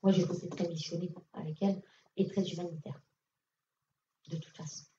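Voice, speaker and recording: A woman's voice: fairly low pitch, fairly even intonation, normal speed, mellow. A woman medium giving casual, direct readings to an audience at a conference, speaking with many fillers. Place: conference hall. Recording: echoey hall, distant lo-fi mic.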